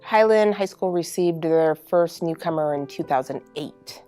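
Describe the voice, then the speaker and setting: A woman from the school staff speaks in a matter-of-fact way. Her very low, dark voice sounds somewhat distant, with music underneath. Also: unhurried. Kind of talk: interview testimonial.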